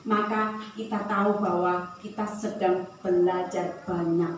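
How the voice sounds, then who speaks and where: A woman's voice: lowish voice, steady tone, a little slow, dull audio, slight background noise. A woman preacher giving a sermon in a church, telling stories in a loose, conversational way. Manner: conversational storytelling, tangents and light laughs. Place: church hall. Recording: very echoey hall from far off.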